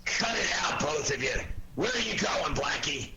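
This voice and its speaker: An actor playing a gruff, impatient police inspector in a 1940s radio drama, barking his lines with sardonic bluster. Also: fairly high pitch, lively intonation, normal speed. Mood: indignant. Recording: slightly noisy old 1940s radio recording.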